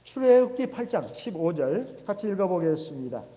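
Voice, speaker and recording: Animated high-voiced male preacher. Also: normal speed. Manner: animated preaching with rhetorical questions. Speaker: pastor. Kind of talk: sermon. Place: church sanctuary. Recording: dull livestream sound with long hall reverb.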